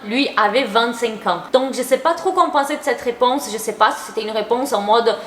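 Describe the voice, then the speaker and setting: A woman's voice: fairly high pitch, fairly quick, slight background noise. A young adult woman giving casual, chatty commentary to her viewers, opinionated and full of slang. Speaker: YouTuber. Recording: roomy echo.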